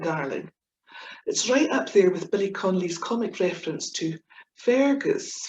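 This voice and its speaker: A woman's voice: fairly low pitch, a little mellow. A woman writer from Scotland with a broad Scottish accent, giving a humorous talk with playful, self-mocking, theatrical delivery. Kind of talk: humorous presentation with read-out verse. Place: indoor room, talk with slides. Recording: echoey room, dull muffled sound.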